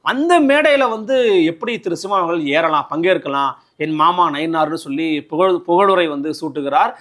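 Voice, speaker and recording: A man from Nadu, a journalist interviewing a politician, asking quick, probing questions and pressing his points. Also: on the high side, expressive, a bit bright.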